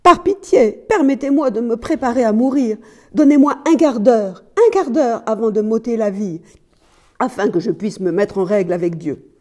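A frightened young wife, voiced by a woman reading a tale, her replies hushed and breathy with fear. Her voice is mellow and soft, rising to desperate pleading, as in a storybook reading. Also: on the low side, fairly even intonation, a little fast, natural voice. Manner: hushed, near-whispered replies.

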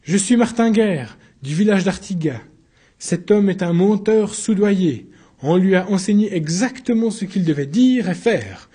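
A narrator puts on a desperate accused man fighting for his life before the judges, crying out in a raised, strained voice. The reading has a mellow, husky grain under the shouting. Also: high-pitched, expressive, measured pace, voice pushed up, exaggerated voice. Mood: pleading. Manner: shouting, frantic, pleading.

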